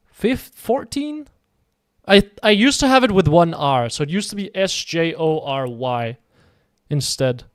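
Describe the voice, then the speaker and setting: A Danish man with a fairly high voice chats casually while streaming a game, rambling and responding to viewers' messages. The recording is dry and of studio quality.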